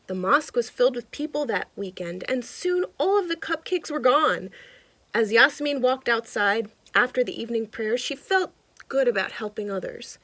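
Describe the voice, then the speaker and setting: A children's storytime host with a fairly high voice reads a picture book aloud at a moderate pace, animated and expressive. She speaks directly to young listeners in asides and points things out, with no room sound.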